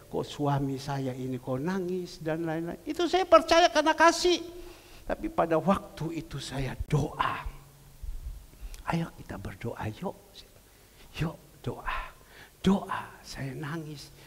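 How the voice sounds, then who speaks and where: A pastor preaching a sermon, moving between hushed, near-whispered passages and loud, emotional high points. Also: male voice, gravelly, a little hiss or hum. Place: church. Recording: church hall reverb.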